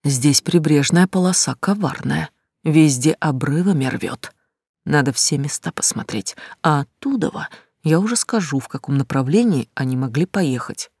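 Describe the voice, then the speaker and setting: Narrator doing a slow folksy old country watchman, easygoing, dry close sound. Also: medium pitch, animated, darkish tone, breathy edge, no room sound. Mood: calm. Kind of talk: audiobook character reading.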